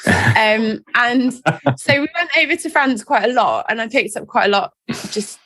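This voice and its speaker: Chatty self-mocking Englishwoman, forties. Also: fairly high pitch. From England. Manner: chatty, animated, self-mocking, quick asides. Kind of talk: casual interview chat.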